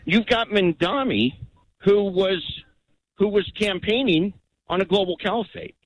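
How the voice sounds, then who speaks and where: A man calling in to a radio show, talking in an agitated, rambling, halting way. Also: high voice. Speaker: caller. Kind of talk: call-in radio. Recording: dull phone-line audio.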